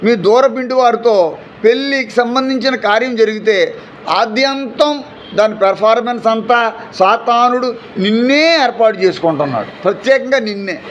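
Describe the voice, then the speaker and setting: A male pastor with a very high voice preaching fervently at a church service. He fires rhetorical questions at the congregation and calls out hallelujah. The recording sounds dull and lo-fi, with a faint hiss underneath. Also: normal speed, a bit bright. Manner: acts out everyday people in short quoted asides. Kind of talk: sermon. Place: church during an afternoon service.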